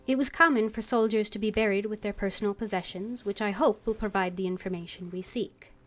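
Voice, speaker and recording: A woman streams a video game, reading its text aloud and voicing her thoughts as she plays, with game music behind her. Her mid-range voice is fairly even and a little fast.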